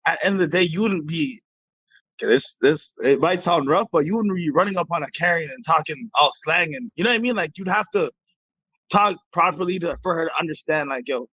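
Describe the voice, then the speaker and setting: A man's voice: a little high, fairly quick, slightly rough, no room sound, poor audio. Slangy young man, close dry sound. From Jamaica. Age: young adult. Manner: slangy, animated storytelling. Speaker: podcast co-host. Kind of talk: casual podcast chat.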